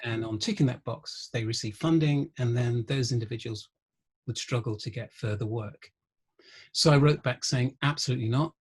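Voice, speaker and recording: A middle-aged man, a guest musician and researcher, telling wry anecdotes in an interview, often pausing with ums. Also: medium pitch, breathy edge. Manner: anecdotal, wry, laughs through stories, frequent ums. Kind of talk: conversational interview storytelling.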